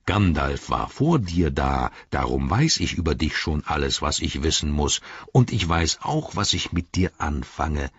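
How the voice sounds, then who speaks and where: A man voicing an ancient, slow and deliberate tree-herding giant in an audiobook. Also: rumbling low, big pitch swings, husky, no room sound, highs cut off, pitched below the performer's own voice, exaggerated voice. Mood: stern.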